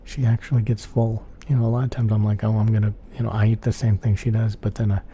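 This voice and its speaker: A soft-spoken man rambling casually in an ASMR chat, often repeating himself. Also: on the low side, level tone, fast talker. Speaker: ASMR channel host. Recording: clear background noise.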